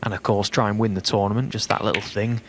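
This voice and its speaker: A man giving understated, unhurried live snooker commentary, shot by shot. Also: on the low side, fairly even intonation. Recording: noisy, clicks behind the voice.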